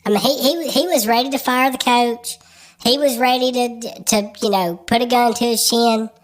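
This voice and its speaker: A woman's voice: a little high, normal speed. Stuffed-up woman hosting a podcast. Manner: crude, rambling, with frequent filler ums. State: congested, stuffed-up voice. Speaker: podcast host. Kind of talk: casual sports podcast chat.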